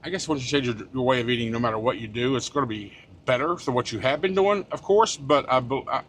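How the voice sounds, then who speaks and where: A man's voice: medium pitch, fast talker, a bit bright, slight background noise. A middle-aged man talking casually to the camera from his truck cab, rambling with frequent restarts and fillers, blunt and swearing now and then. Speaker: trucker vlogger. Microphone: small handheld camera.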